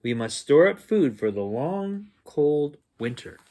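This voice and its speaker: A man voicing an instructive, measured mother bear teaching her cub in a storybook. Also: fairly high pitch, big pitch swings, warm tone. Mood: earnest advising.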